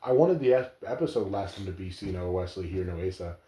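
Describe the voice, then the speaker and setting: A man's voice: low voice, animated, a little fast, mellow. A young man from Alabama hosting a casual podcast, joking and teasing his co-host. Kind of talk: casual banter. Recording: echoey room.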